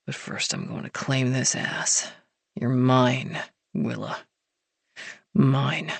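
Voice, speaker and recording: A woman narrator voicing an intense, commanding young man in a low, husky, half-whispered murmur with gritted-out commands. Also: a little slow, dry recording, full character voice.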